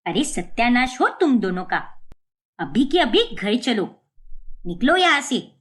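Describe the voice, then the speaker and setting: A woman voicing a stern middle-aged mother-in-law in a cartoon story, scolding harshly and slowly. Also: a little high, very animated. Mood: angry scolding.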